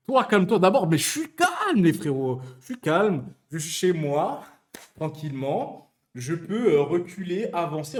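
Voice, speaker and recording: A young man from Switzerland chatting casually on a live stream, teasing his viewers and stammering through restarts. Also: sits high.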